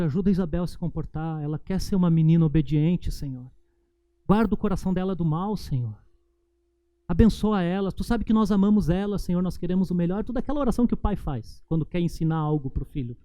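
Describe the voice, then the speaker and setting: A man with a Brazilian Portuguese accent, a pastor preaching a sermon and slowing down for emphatic points. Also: sits high, mellow, no room sound. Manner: preaching with emphatic, slowed climaxes.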